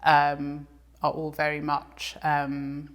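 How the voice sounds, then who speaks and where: A woman's voice: low-pitched, completely flat delivery, slow pace. A woman, a composer talking reflectively as an interview guest, with many ums and restarts. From England. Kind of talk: casual interview conversation.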